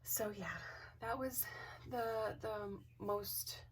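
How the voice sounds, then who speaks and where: A woman telling a personal ghost story to camera in a casual, animated way, acting out the dialogue and sometimes dropping to a whisper. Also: mid-range voice, extremely slow, slight background noise. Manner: animated, acts out quoted dialogue, drops into whispers. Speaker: craft channel host. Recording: voice a bit distant from the mic.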